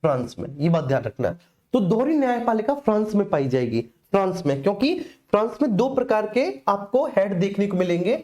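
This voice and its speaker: A woman's voice: medium pitch, big pitch swings, fairly quick, mellow. A middle-aged woman teaching an exam-prep lesson, repeating each key answer and addressing her students fondly as children.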